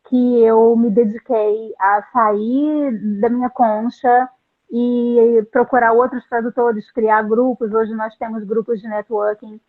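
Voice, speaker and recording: A middle-aged translator, interviewed as a guest, reflects on her story in a somewhat high voice. She speaks earnestly but haltingly, frequently restarting sentences. The line is tinny and phone-like, as if over a video call.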